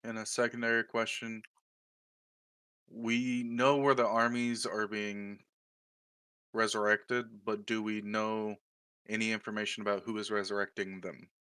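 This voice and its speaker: A man's voice: on the low side, level tone, measured pace, pushed and bright, clear, resonant tone, dry recording. A man playing in an online tabletop game, chatting casually with a laid-back, dry manner. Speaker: player.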